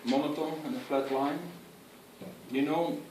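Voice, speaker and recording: A man giving an earnest, instructive speech on public speaking to an audience, with halting phrasing. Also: a little high, steady tone, distant mic, noisy background. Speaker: speech giver. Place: room with an audience. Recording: echoey room, picked up from afar.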